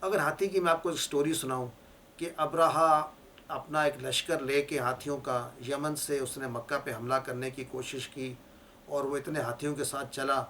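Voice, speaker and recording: Male teacher with a fairly high voice, patient and explanatory, over faint hiss. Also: a bit bright. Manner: explanatory, repeats key words for learners. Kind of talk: classroom lecture.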